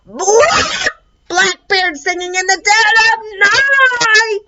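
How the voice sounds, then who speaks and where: A woman voicing a pet-shop parrot that screeches pirate phrases in a high, squeaky voice. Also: sing-song, takes it slowly, dull audio, very noisy, exaggerated voice. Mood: singing.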